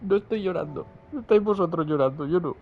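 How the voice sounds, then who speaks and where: A young man from Spain with a Spanish accent, doing excitable live game commentary, swearing often and repeating words in bursts. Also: on the high side, fast talker, gravelly, narrow, tinny audio. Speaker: game streamer.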